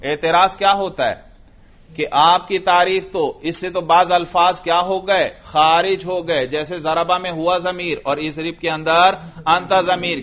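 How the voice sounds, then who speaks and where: A man's voice: a little high, fairly bright tone. A male religious teacher with a Pakistani Urdu accent gives a grammar lecture, asking the class questions and answering them himself. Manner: recites Arabic text slowly, then explains it. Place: lecture room. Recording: dull lo-fi classroom recording.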